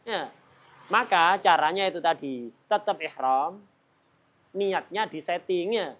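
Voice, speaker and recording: A man's voice: sits high, lively intonation, slow pace, fairly bright tone. A man teaching a religious study lesson, often cutting off mid-word to repeat it and putting rhetorical questions to his listeners. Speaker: Islamic teacher.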